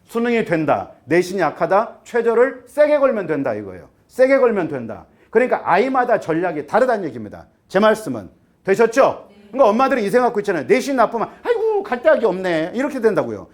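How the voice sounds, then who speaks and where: A man in his fifties, an academy teacher, briefing parents in a lively lecture, firing rhetorical questions and getting worked up until he trips over his words. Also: high-pitched, quick pace. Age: 50s. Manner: animated, rhetorical questions, acts out students and parents.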